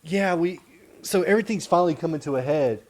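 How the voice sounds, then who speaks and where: A man hosting a casual movie discussion podcast, steering the talk in a dry, measured way. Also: on the high side, a little mellow. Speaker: podcast host.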